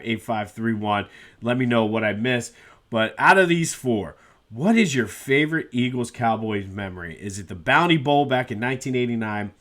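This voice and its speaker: With a medium-pitched, fairly bright voice, a man runs a one-person sports podcast while nursing a cold that makes him a bit nasal. He keeps things conversational, leaning heavily on "uh."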